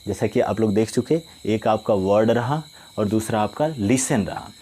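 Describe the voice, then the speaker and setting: Dark-voiced man teaching, checking in constantly. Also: on the low side. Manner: slow, repetitive dictation with frequent "ठीक है ना?" check-ins. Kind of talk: online grammar lesson.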